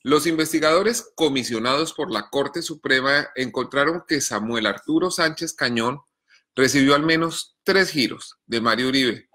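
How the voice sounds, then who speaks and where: A man, reading his news column in a measured, deliberate way, then answering viewer questions between coughing fits. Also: mid-range voice, sharp tone. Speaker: journalist columnist.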